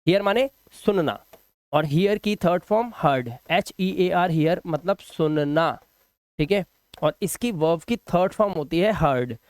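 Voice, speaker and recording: A man teaching an English lesson in Hindi. He explains slowly, repeats each word and keeps checking "ठीक है?". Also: fairly high pitch, clear, resonant tone, no room sound. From India.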